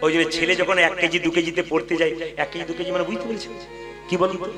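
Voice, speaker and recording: High-voiced man preaching with music behind. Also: fast. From West Bengal. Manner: animated, quizzes the audience, acts out voices in stories. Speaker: kirtan preacher. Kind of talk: devotional sermon with storytelling. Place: live religious gathering.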